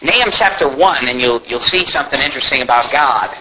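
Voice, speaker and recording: An American man preaches a sermon in an animated, brisk, medium-pitched voice. He speaks emphatically, driving his points home with rhetorical questions and repetition. The recording is muffled and lo-fi, with faint background noise.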